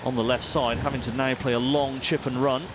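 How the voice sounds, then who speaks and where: A man giving golf commentary as an expert former player, measured and sympathetic as he analyses each shot. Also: medium pitch, flat delivery, background noise.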